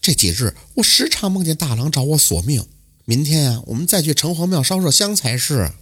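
A coy, pouting young mistress full of scheming charm, as a male storyteller puts her on. The voice sounds a little set back from the mic, with a husky grain. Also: fairly high pitch, sing-song, a little fast, fairly bright tone, exaggerated voice.

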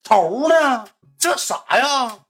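A man putting on the high, nagging voice of a young woman gamer girlfriend. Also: lively intonation, slow, fairly bright tone, breathy edge, faint music behind, heavily acted. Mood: exasperated nagging. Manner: nagging, exasperated falsetto.

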